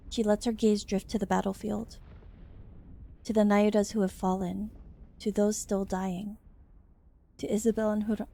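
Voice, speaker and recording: A woman's voice: mid-range voice, gravelly, mellow. A woman reading a game's story aloud as dramatic narration.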